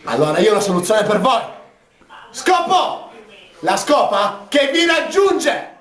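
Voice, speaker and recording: Man doing a frantic, high-pitched infomercial pitchman. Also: unhurried, distant mic, full character voice. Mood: insistent, hyped. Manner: shouting, excitable, exhorting. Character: frantic male infomercial pitchman selling to housewives. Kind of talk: parody infomercial sales pitch. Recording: echoey room, loud crowd behind.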